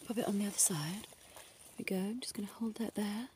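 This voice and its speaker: A woman playing a flirty, coy female doctor in a whispered role-play, murmuring softly and intimately right in the listener's ear and slipping into whispers. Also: mid-range voice, fast, background noise, lightly acted. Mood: coaxing, intimate. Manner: coy, playfully bossy. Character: flirty, teasing female doctor giving a check-up.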